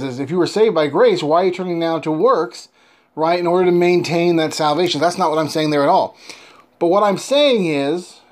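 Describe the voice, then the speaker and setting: A man's voice: a little high, a little mellow. A man hosting a devotional program, teaching the Bible in an earnest, conversational way with repeated phrases, in an echoey room like a bathroom. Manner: earnest, repeats phrases for emphasis, checks in with "okay" and "right". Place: indoors, an echoey room away from the usual spot. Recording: echoey, like a bare reverberant room.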